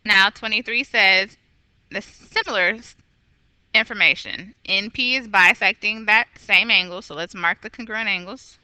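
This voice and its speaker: Woman math teacher, bright voice, dry close sound, patient step-by-step delivery. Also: mid-range voice, measured pace, clean tone, no room sound, poor audio. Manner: patient, methodical, corrects herself aloud. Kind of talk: recorded geometry lesson.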